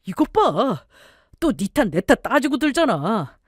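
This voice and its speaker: A snappish, dismissive husband from an audio story, acted out by a woman. He talks in short, irritated bursts, pitched a little high, and the recording is close and dry. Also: sing-song, unhurried, breathy edge, no room sound, exaggerated voice. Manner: curt, snappish scolding. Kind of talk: scripted story narration.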